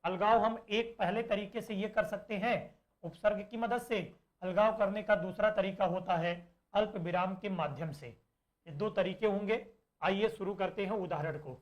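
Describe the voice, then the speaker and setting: A male teacher giving an online exam-prep lesson, explaining slowly, repeating points and asking and answering his own questions. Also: high-pitched.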